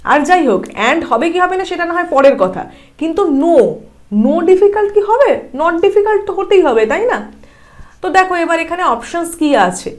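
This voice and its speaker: A woman from India leads an online exam-prep lesson in a high voice, working through each answer step by step. She reads options slowly and keeps checking in with the viewer through rhetorical questions. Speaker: exam coaching teacher.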